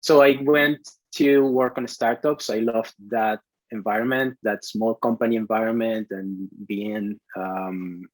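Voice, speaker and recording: A man from Venezuela in his thirties, a CTO answering interview questions in a halting way, full of restarts and fillers. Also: on the low side, fairly even intonation, dry recording, low-quality recording. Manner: hesitant, many restarts and fillers. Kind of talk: conversational interview.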